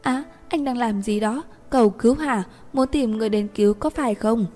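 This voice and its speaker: A woman's voice: a little high, moderate pace, warm tone, natural voice. A woman voicing a drunk, stubborn young woman who talks in a clingy, bossy way. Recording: reverberant room with faint music.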